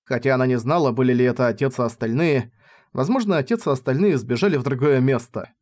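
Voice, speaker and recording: A man narrating a novel as an audiobook in a steady, even reading voice. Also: medium pitch, quick pace.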